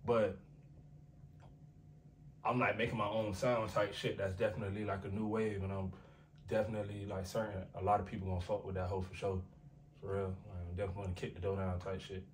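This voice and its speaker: Speaking a little fast in a low, level voice, this young rapper from the US gives a laid-back interview packed with slang and phrases like "like" and "you feel what I'm saying." The mic is distant and there's slight background noise.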